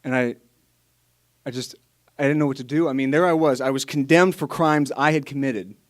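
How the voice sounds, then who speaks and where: A man's voice: mid-range voice, moderate pace, lightly acted. A young man playing a freed criminal, telling it in a casual, incredulous, rambling way. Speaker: student actor.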